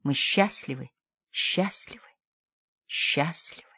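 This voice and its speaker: A woman voicing a tormented, opium-addicted lady who pleads feverishly, dropping to soft murmurs and rising into sudden outbursts. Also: fairly low pitch, animated, normal speed, no echo, studio quality. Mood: dreamy.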